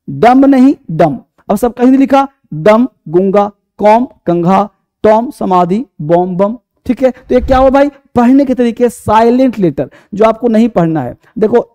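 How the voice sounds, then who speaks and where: High-voiced man teaching a class. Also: dark tone. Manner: quizzes the class and answers his own questions, repeats each point; calls students by affectionate terms. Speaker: English teacher. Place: classroom with students.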